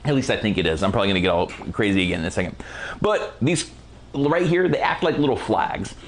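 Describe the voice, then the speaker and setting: A man teaching a casual photography lighting tutorial in a relaxed, slangy, enthusiastic way while he is losing his voice. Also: on the low side, quick pace. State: losing his voice, clearing throat. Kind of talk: casual product walkthrough tutorial.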